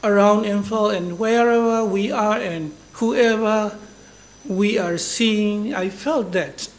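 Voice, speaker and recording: A man from Myanmar with a Burmese accent giving a formal, deliberate speech as a guest speaker. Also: high-pitched. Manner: deliberate, addresses listeners as brothers and sisters.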